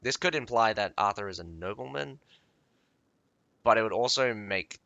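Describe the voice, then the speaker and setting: A man reads a fantasy game's story aloud, stopping often for rambling, filler-heavy comments. His voice sits low but sounds very bright and forward. The recording is dry and close. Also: lively intonation, vocal fry, dry recording, lo-fi sound. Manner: stops to comment, halting with fillers. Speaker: lore reader and streamer. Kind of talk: reading game lore aloud with commentary.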